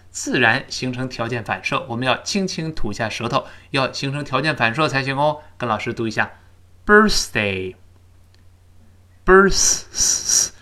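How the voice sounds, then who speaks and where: Lively, bright-voiced male English teacher. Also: mid-range voice. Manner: lively teacher, slows right down to drill English words. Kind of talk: spoken English lesson.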